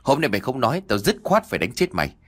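A man voicing a furious middle-aged father who berates his daughter in rapid, threatening bursts, in an audiobook reading. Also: fairly low pitch, expressive, a bit bright. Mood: enraged.

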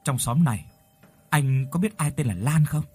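A man's voice: mid-range voice, lively intonation, normal speed, a little mellow, slight background noise, lightly acted. A man voicing a frightened, polite young village woman who speaks in raised, urgent calls. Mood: anxious.

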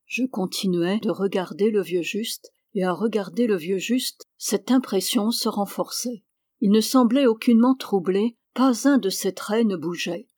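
A woman's voice: medium pitch, measured pace, darkish tone, dry recording. Woman reading a novel aloud, dry. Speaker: audiobook reader. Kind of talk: literary audiobook narration.

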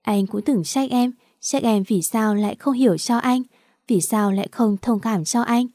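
A woman tells a romance story in a soft, emotive way. Her voice is mellow and warm, and it is recorded dry and close with no room sound. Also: fairly high pitch, normal speed, no echo.

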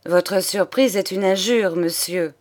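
A woman's voice: mid-range voice, slow, a little mellow, lightly acted. A woman reading a novel aloud and voicing a proud young noblewoman who speaks in an imperious, impassioned way. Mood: offended. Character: proud young noblewoman, fiercely loyal to fiancé.

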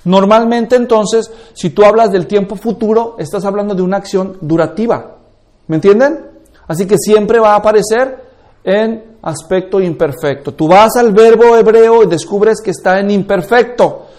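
A man with a notably high-pitched voice lectures on Bible interpretation. He explains patiently, point by point, and keeps pausing to make sure his students understand. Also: darkish tone. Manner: explanatory, often checks that listeners follow. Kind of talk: classroom lecture.

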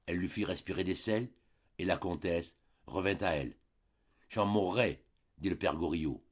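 A man narrating a classic novel as an audiobook reader, in a measured, even reading. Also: deep voice, husky, muffled recording.

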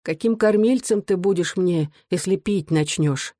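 A reader voicing a weary working-class mother who speaks softly, sadly and tenderly. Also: mid-range voice, unhurried, dry recording, studio quality, close to an everyday voice. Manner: soft, sad and tender.

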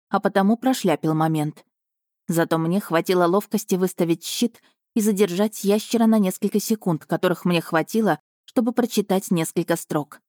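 A woman narrating a first-person audiobook in an expressive, lively storytelling manner. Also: lowish voice, no room sound, studio quality.

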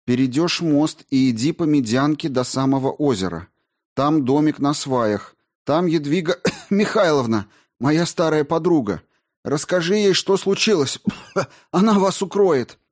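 A man voicing a resolute aunt who speaks firmly yet gently and with urgency. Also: medium pitch, expressive, unhurried, voice pushed up, natural voice. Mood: urgent. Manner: urgent, firm and gentle at once. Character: middle-aged aunt, resolute yet tender woman.

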